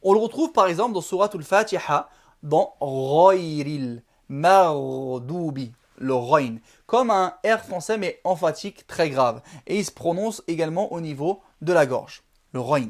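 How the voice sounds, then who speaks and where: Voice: medium pitch, animated, normal speed. A teacher giving a video lesson, speaking patiently, drilling syllables one by one and checking in with the viewer often. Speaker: Arabic alphabet teacher.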